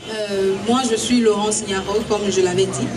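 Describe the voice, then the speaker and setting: A woman's voice: medium pitch, steady tone, moderate pace. Woman from Togo introducing herself from afar. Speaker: author. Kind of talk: short introduction and reading. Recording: distant mic in noisy crowd.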